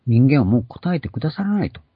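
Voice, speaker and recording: A man's voice: mid-range voice, sing-song, fast, husky. An older man preaching an earnest sermon, explaining and stressing key words. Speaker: pastor. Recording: dull lo-fi recording.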